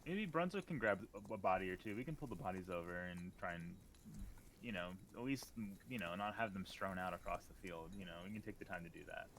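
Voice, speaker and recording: A man playing a tabletop game, chatting loosely and fast with the others. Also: low-pitched, animated, fairly bright tone, slight background noise. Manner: quick, loose, swears and laughs easily. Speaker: player. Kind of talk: casual chat during a tabletop game.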